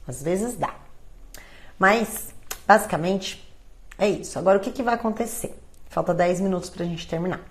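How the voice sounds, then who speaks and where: A woman with a Brazilian Portuguese accent hosting a casual live Q&A, blunt and animated, acting out phone calls as she answers viewer questions. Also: on the low side, normal speed, long pauses.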